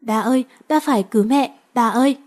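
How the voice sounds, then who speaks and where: A woman's voice: fairly high pitch, normal speed, a little mellow, lightly acted. A woman reading aloud and voicing a grieving seven-year-old boy who resents his father. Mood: pleading.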